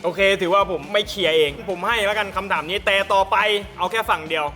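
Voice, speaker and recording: A man with a high voice hosts a quiz game. He reads out questions and rulings in a casual, polite announcing style. Music plays clearly behind him. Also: fast talker, pushed and bright. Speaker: game show host and referee.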